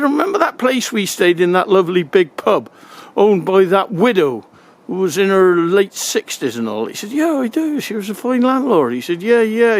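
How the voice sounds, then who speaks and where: Older Wiltshire man, lively high-pitched storytelling. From Wiltshire, England. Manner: folksy, chuckling, colloquial rural turns of phrase. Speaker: comic storyteller. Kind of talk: casual humorous anecdote telling.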